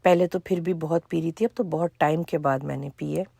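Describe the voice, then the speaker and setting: Hoarse, husky woman chatting in a vlog. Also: low-pitched, fairly even intonation, warm tone, dry recording. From Pakistan. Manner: chatty, storytelling with asides and quoted dialogue. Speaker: vlogger. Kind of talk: casual cooking vlog chat.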